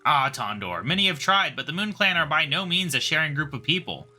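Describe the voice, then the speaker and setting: A man's voice: a little high, animated, fairly quick, pushed and bright, soft background music, exaggerated voice. A man voicing a wary, solemn male chieftain in a game playthrough.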